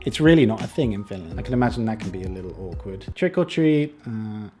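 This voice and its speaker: A man's voice: lowish voice, expressive, fast, mellow. Jokey man, faint music behind. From Britain. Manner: self-deprecating, jokey, drops to mutters for asides. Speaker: YouTuber reacting to a book. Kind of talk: casual vlog chat.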